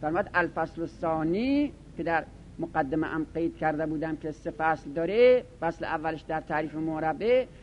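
Man, grammar teacher, classroom lecture, reads a text then explains it, faint rumble behind, muffled recording. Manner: reads Arabic passages then explains them conversationally; shifts between fast asides and slow, drawn-out recitation.

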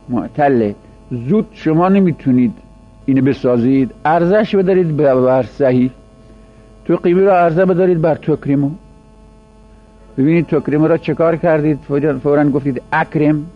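A man teaching Arabic grammar in a classroom lecture, whose first language is Persian, drawing out the example words slowly. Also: a little high. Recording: dull lo-fi recording with mains hum.

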